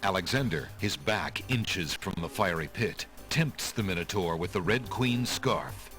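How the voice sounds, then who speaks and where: A man narrating a fantasy adventure game as a solemn storyteller, in a measured, dramatic way. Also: low voice, animated. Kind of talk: scripted video game narration. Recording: game audio under music.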